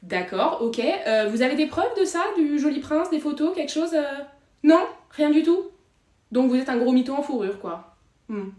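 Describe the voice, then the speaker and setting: A woman playing a blunt, sarcastic female investigator who fires off loud, rapid questions. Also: sits high, lively intonation. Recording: echoey room.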